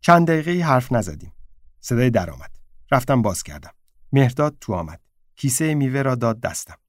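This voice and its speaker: A man reading a short story aloud in a subdued, low-key way. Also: sing-song, dry recording, clean studio sound. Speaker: narrator.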